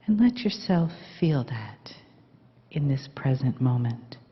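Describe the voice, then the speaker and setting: Soft half-whispering woman, slow and low. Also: very animated. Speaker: meditation leader. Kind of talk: guided meditation. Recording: dull recording in reverberant hall.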